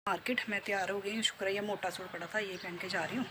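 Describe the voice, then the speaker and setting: A woman's voice: mid-range voice, steady tone, fast talker. A woman vlogger and beautician chatting playfully to her viewers from home, filmed on a phone. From Jammu. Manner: chatty, playful, talks straight to viewers with many tag questions. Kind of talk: casual chatty home vlog. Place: at home, indoors. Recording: noticeable background noise.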